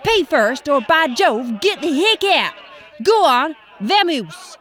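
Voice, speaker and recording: A woman's voice: high-pitched, very animated, takes it slowly, fairly bright tone, exaggerated voice. A woman voicing a cranky, stingy frontier saloon keeper who scolds in old-west slang in a comedy radio western. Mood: scolding.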